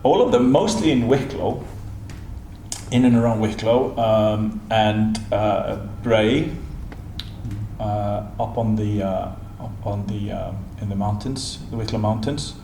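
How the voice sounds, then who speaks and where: Middle-aged Icelandic director, gravelly voice, halting answers full of fillers, echoey room with faint hiss. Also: male voice, on the low side, warm tone. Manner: hesitant, many fillers and restarts. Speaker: film director. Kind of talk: festival interview.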